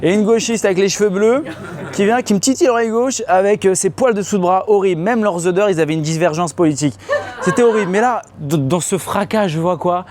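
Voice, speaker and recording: A young man from France performing a stand-up comedy set on a club stage, slangy and animated, talking straight to the crowd and acting out loud high-pitched outbursts. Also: quick pace. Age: young adult. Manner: slangy casual French, addresses audience directly. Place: comedy club stage before a live audience.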